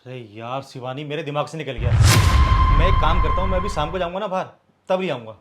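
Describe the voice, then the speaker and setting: An actor in a scripted short film plays a proud young man in a live-in relationship who argues defensively with his partner, then grows cold and bitter. He sounds angry, hurt and coldly walks out. His voice is on the high side, close to an everyday voice, and quick, with loud music behind it.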